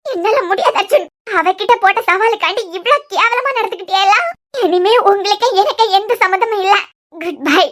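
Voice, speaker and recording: A voice actor playing a hurt but resolute young wife in a cartoon serial, with a Kanyakumari Tamil accent, pleading yet firm. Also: fairly quick. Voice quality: very high, bright voice.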